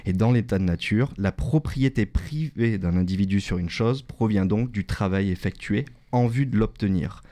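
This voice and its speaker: A man's voice: on the low side, normal speed, few pauses, mellow. A man giving a prepared radio talk on economic history, lecturing and correcting himself with small jokes. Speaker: radio columnist.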